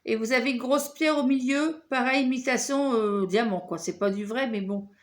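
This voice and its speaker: A woman's voice: fairly high pitch, normal speed. A woman with a French accent, talking casually and hesitantly to camera as she shows off her shopping haul, with many fillers and restarts. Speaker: vlogger showing a shopping haul.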